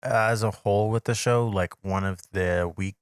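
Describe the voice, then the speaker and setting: Low-voiced, measured male podcast co-host. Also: fairly even intonation, clean tone, no room sound, studio quality. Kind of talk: casual chat. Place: home studio. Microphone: desk mic on a live stream.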